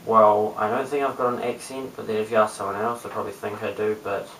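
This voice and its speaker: Speaking quickly in a low-pitched, hesitant mumble, this young man from Christchurch, New Zealand, in his late teens, chats casually to camera as an amateur video blogger. His low-key voice stays very even. The small bare indoor room is echoey, and a webcam mic at a short distance picks him up from afar with some hiss.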